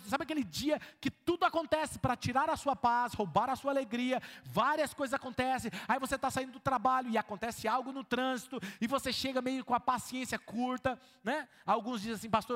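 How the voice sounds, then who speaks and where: A man with a Brazilian Portuguese accent, a pastor preaching a sermon to a congregation, who keeps asking whether they follow him and acts out everyday scenes in a lowered voice. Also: a bit bright. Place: church hall with a congregation. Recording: long reverb of a church hall.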